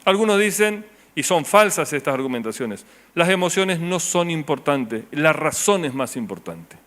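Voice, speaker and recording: Rioplatense pastor preaching, higher-pitched man. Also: sing-song, normal speed. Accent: Rioplatense Spanish. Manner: rhetorical questions to the congregation, voice dropping low and soft on key words. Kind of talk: sermon.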